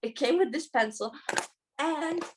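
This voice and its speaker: A woman's voice: high-pitched, lively intonation, measured pace, noisy background. A teenage girl co-hosting a podcast, chatting casually and rambling through stories. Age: teens. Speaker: podcast co-host. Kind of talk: casual chat.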